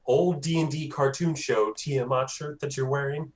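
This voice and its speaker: A man's voice: mid-range voice, steady tone, moderate pace. A man chatting casually as a player in a tabletop game, playful and prone to repeating himself.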